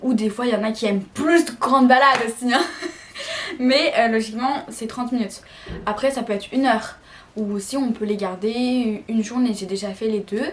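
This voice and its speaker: Teen girl vlogger with a French accent, somewhat high voice, giggly and rambling. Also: normal speed, slight background noise. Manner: chatty, many fillers and restarts, giggly. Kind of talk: casual talk to camera.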